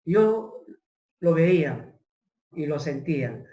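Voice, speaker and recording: A middle-aged man telling a personal testimony as an interview guest, halting and searching for his words. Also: fairly high pitch, animated, dark tone. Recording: roomy echo.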